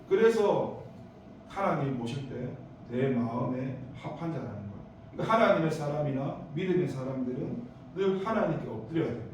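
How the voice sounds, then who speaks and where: A slightly mellow, mid-range male voice belongs to a Daegu-accented pastor preaching at a youth service. Recorded off-mic in an echoey sanctuary with slight background noise, he tells stories full of sudden emphasis and meandering asides.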